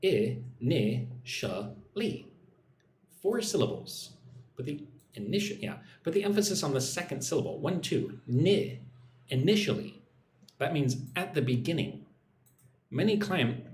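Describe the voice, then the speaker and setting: In a reverberant space, a mid-range-voiced American man hosts a live English class. He reads the comments viewers send and models each word's pronunciation slowly for listeners to echo.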